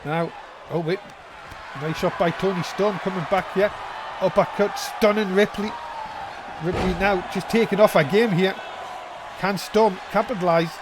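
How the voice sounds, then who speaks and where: A man calling a wrestling match play-by-play as a commentator, in an excitable, exclaiming manner. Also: high voice, measured pace, long pauses. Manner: excitable, exclaiming at big moves. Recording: loud crowd noise behind commentary. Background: noisy crowd.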